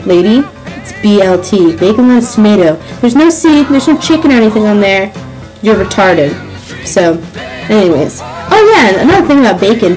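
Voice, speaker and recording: A nineteen-year-old woman ranting comedically about work in a sarcastic, exasperated, animated way with frequent swearing. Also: mid-range voice, rough recording. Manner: animated, acts out customers' lines. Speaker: sandwich shop worker. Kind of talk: comedic rant to camera.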